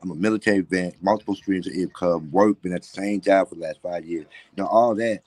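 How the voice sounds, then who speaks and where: Low-voiced toothless man talking candidly. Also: quick pace, darkish tone, no room sound. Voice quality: toothless, slightly slurred speech from missing front teeth. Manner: candid, conversational. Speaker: call-in guest on a livestream. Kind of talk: casual personal storytelling.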